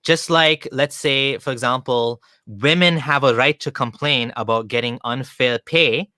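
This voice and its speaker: A man hosts an interview in a bright, forward voice. He argues his points at length and leans on casual fillers. The recording is close and dry. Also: mid-range voice, unhurried, no room sound. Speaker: interview host. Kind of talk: conversational interview.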